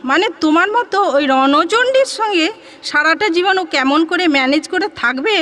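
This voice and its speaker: A woman plays an old-fashioned Bengali mother in an audio drama, fussing and complaining in a plaintive way. Her voice is very high and lively. She speaks with a Bengali accent, in a space with a long reverb. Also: normal speed. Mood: teasing. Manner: plaintive, teasing, fussy.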